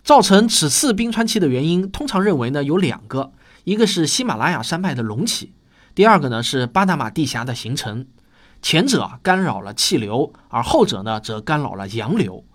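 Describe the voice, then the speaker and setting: Lively, higher-pitched male documentary narrator. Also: brisk. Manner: explanatory, storytelling delivery. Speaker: host of a popular science audio series. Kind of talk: nature documentary style scripted narration.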